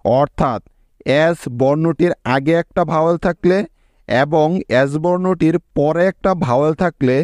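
A man gives a slow, step-by-step English pronunciation lesson, spelling words letter by letter and frequently checking that the listener is keeping up. His voice is fairly high and a little mellow, and the recording is dry.

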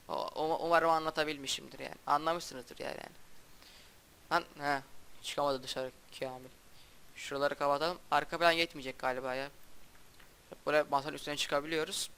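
Halting young man narrating gameplay. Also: fairly high pitch, clean tone. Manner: halting, stumbling speech with restarts; flat, subdued delivery. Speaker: gaming YouTuber. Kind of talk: casual gameplay commentary.

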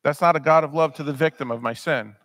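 Earnest and emphatic, a preacher in his thirties delivers a sermon at the pulpit of a church sanctuary, often repeating words as he presses a point. His voice sits on the high side and a bit bright, his pace is quick, and there's no echo.

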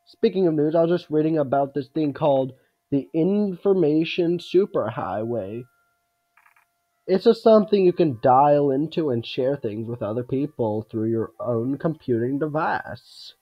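A man's voice: on the high side, expressive, unhurried, lo-fi sound. A man voicing a chatty, kindly older small-town woman from a video game. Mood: folksy, chatty. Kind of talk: video game character read aloud.

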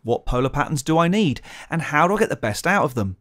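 A man presenting a scripted audio tutorial, explaining clearly and methodically into a close studio condenser mic. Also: fairly high pitch, very animated, fast talker, a bit bright. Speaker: presenter of a gear channel.

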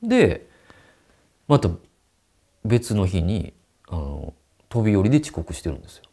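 A man's voice: lowish voice, big pitch swings, unhurried, mellow, breathy edge. A man telling a ghost story and acting out the quoted dialogue.

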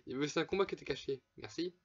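A man's voice: on the high side, racing, husky, muffled recording. A man casually commenting on his own gameplay, chatting to viewers with frequent swearing and laughs. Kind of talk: casual let's play commentary.

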